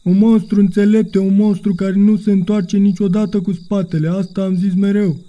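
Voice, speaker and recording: A man voicing a loud, boastful, cheerful guinea pig in a children's storybook. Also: high-pitched, flat delivery, voice pushed up, lightly acted.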